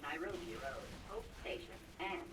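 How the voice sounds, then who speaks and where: A woman voicing a calm, courteous transit station computer in a video game, with a gentle automated care-robot manner. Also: sits low. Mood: calm polite. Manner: soothing, courteous, measured. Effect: gentle automated care-robot announcer voice. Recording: distant game audio with noise.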